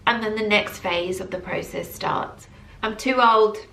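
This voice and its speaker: A woman's voice: medium pitch, measured pace, gravelly, roomy sound, far from the mic, slight background noise. A woman in her early thirties talking casually and emphatically to camera in a motivational vlog, from England. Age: early 30s. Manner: animated, emphatic repetition. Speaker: vlogger. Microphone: camera mic.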